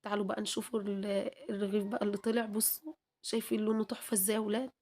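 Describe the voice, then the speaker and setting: A woman with an Egyptian accent, hoarse from a cold, chatting to viewers in a home kitchen cooking vlog and adding long prayers. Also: medium pitch, level tone, rapid-fire, a little mellow. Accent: Egyptian Arabic.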